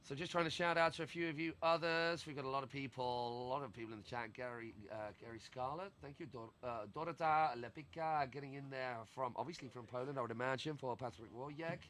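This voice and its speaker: A man's voice: mid-range voice, quick pace, few pauses, fairly bright tone. A man with an English accent giving live sports commentary, chatty and colloquial, with jokey asides. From England.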